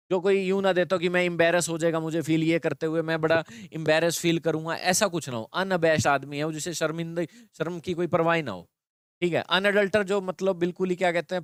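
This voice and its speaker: A man's voice: a little high, a bit bright, clear, resonant tone, no echo, studio quality. A man teaching an English grammar lesson, explaining in Hindi with English terms and checking in with students often.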